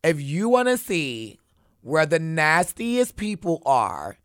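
A man's voice: a little high, very animated, takes it slowly, fairly bright tone, clean tone, no room sound, clean studio sound. A man co-hosting a podcast, telling stories dramatically in casual chat and reading out listener letters. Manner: dramatic, gossipy storytelling. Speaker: podcast co-host.

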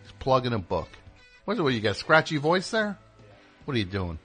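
Rambling, excitable radio host man. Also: medium pitch, a little fast, slightly rough, soft background music. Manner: rambling, excitable, loud bursts of yelling. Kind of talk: casual live radio chat.

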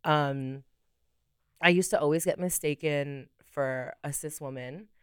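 A young drag performer chatting as a podcast guest, telling stories with lots of fillers and acted-out quotes, recorded on a studio mic. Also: female voice, sits low, a little slow, smooth, no room sound. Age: young adult. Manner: chatty storyteller, many fillers, acts out quotes. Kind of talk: casual podcast chat.

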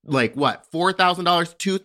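A man in his early thirties talking as a podcast co-host, emphatic and given to exasperated outbursts. His voice is bright and fairly high, and it moves a lot in pitch. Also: animated, moderate pace. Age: 30s. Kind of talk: casual chat.

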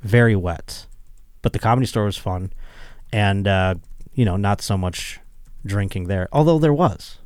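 A man's voice: on the low side, measured pace, darkish tone, smooth, no room sound, studio quality. A young man hosting a podcast, chatting casually in a rambling, self-deprecating way and laughing often. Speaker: podcast host. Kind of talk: casual chat.

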